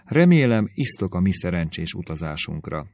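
A man voicing a giddy, reckless teenage girl in an audiobook, reading slowly and teasingly. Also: deep voice, sing-song, darkish tone, no room sound, clean studio sound, exaggerated voice.

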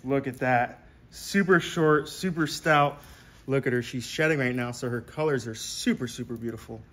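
A man's voice: mid-range voice, normal speed, fairly bright tone. A man in his twenties enthusiastically presenting animals to camera in casual, slangy, exclamatory talk. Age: 20s. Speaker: wildlife vlog host. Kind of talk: excited hands-on wildlife presenting to camera. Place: indoor reptile room with concrete floor. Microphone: handheld phone or camera, varying distance. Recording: handheld camera, noisy room.

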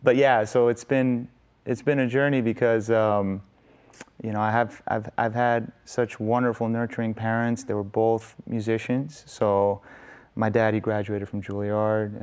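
This young Los Angeles man, a guest musician, chats through stories in a TV studio interview, sprinkling in plenty of "you know" and "like." His voice sits on the low side, clear and resonant with a darkish tone, and he speaks at normal speed with a level delivery.

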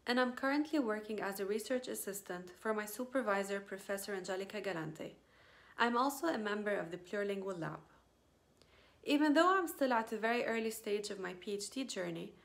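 A woman, her Arabic, presenting her doctoral research in a careful, formal recited way, recorded on a phone camera at arm's length in a small indoor room. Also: mid-range voice. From Lebanon. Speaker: PhD student.

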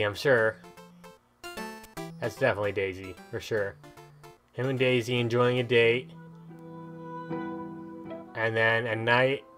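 A gaming video host runs a casual let's play, joking and rambling as he thinks out loud. His mid-range voice is slightly bright, with video game music playing behind it.

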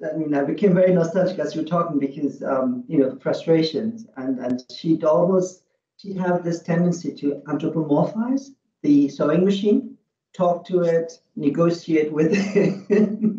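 A middle-aged man from Afghanistan thinks aloud over a video call, his voice mellow and slightly high for a man. The sound is dull and roomy, as if he sits back from the laptop microphone. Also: far from the mic. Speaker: audience member asking a question. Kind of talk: casual academic discussion.

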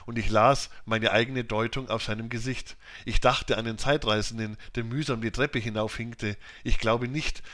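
A man reading a classic novel as an audiobook narrator, with steady, measured storytelling. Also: medium pitch. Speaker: audiobook reader.

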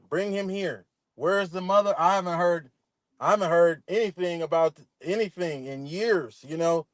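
A man on a live stream video call answering questions defensively, repeating himself with halting restarts. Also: sits high, dry recording.

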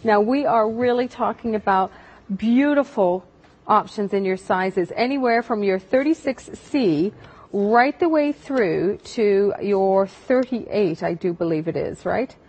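A woman hosting a live home shopping show, giving a conversational sales pitch in a TV studio. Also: a little slow, darkish tone, husky.

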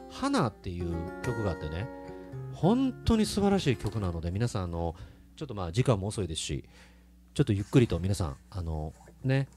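Lively Kansai-accented man chatting live. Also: fairly low pitch. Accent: Kansai Japanese. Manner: lively, chatty, laughs often. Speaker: singer hosting a live stream. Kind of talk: casual chat between songs. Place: small live music venue.

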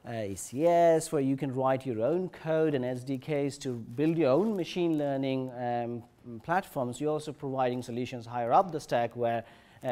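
A man giving a technical conference talk, halting, with many fillers and restarts. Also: medium pitch, mellow. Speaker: conference presenter. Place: conference session room.

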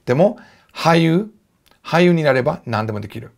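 Lively man teaching, gravelly. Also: on the high side, moderate pace. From United States. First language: English. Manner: animated, lively explaining. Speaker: English teacher. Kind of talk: casual video lesson.

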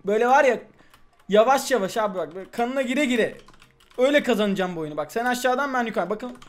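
High-voiced excitable young gamer guy. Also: fast talker. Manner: loud, playful, exclamatory, protesting innocence. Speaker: gaming channel host. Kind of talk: excited gameplay chat with a friend.

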